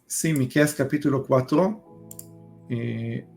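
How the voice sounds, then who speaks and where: A man's voice: medium pitch, slow pace, gravelly, a little mellow, soft background music. A man explaining Bible passages, hesitating with many fillers as he goes. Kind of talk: religious discussion.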